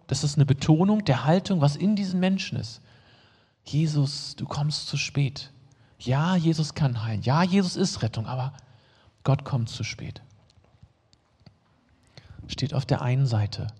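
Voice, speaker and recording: A male preacher reads scripture and explains it, slipping into relaxed, everyday asides between the verses. His voice is dark and husky. It rings out with the long reverb of a large hall. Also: mid-range voice. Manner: reads the text, then adds casual plain-spoken asides to the congregation. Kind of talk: sermon, reading scripture aloud and explaining it.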